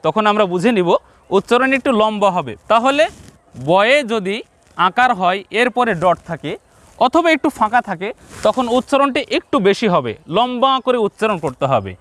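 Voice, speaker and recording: A male Quran teacher with a Bangladeshi Bengali accent gives a step-by-step reading lesson. He repeats each point slowly and speaks straight to the viewers. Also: high voice, big pitch swings, fairly bright tone.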